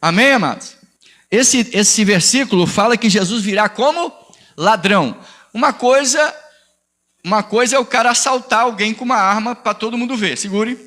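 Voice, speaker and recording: A man's voice: high-pitched, moderate pace, sharp tone. A man preaching on a live stream as pastor, combative and ironic, arguing with a commenter. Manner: combative, ironic, calls listener "filho" and "amigo".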